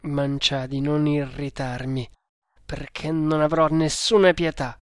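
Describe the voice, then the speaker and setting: A reader voicing a desperate, furious man who commands and shouts in a dramatic audiobook. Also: mid-range voice, fairly even intonation, a little slow, dry recording, studio quality, close to an everyday voice. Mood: stern. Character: desperate furious adult male hero.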